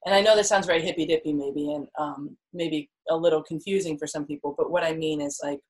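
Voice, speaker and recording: A woman's voice: deep voice, steady tone, fast talker, a little mellow, husky, rough recording. A young woman guest in a casual interview, talking in a reflective, rambling way with many fillers.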